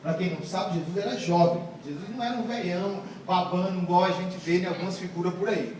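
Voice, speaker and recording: A man's voice: high-pitched, brisk, background noise. A man in his thirties preaching a humorous sermon, retelling the story in a joking, slangy way, heard from a distant mic in a very echoey room. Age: 30s. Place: live gathering room.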